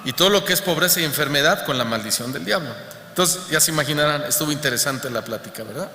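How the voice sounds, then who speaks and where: A man's voice: a little high, fast talker, bright, forceful tone, slight background noise. A male pastor preaching a sermon who keeps asking his congregation rhetorical questions. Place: church hall. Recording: echoey church hall with long reverb.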